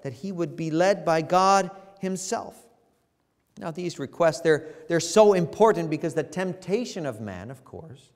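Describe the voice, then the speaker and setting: A man with a high-pitched voice preaches an earnest sermon, lifting his voice for emphasis. He often restarts his phrases. The sound rings with a long reverb from a church sanctuary. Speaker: pastor.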